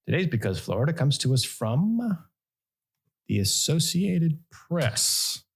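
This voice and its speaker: A man's voice: big pitch swings, slow, vocal fry, soft background music. A middle-aged man co-hosting a podcast, reading news stories aloud with wry, jokey asides. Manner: wry, jokey delivery with sudden pitch jumps. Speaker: podcast co-host.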